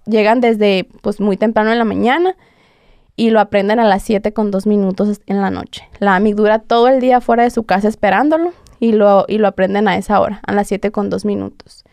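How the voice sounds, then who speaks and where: A woman's voice: mid-range voice, fairly even intonation, a little fast, darkish tone, no echo. A young woman with a Mexican accent, a podcast guest telling her story casually with lots of fillers and acted-out quotes. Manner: conversational, heavy fillers, acts out quotes.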